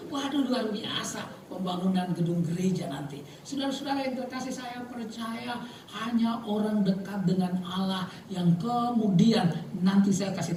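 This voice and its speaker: A man's voice: sits high, a little mellow, slight background noise. A man from Maluku preaching a sermon as pastor, telling stories and jokes and often calling out to the congregation. He calls himself somewhat emotional and reactive. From Maluku, Indonesia. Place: church hall with congregation. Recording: very echoey hall, voice from far off.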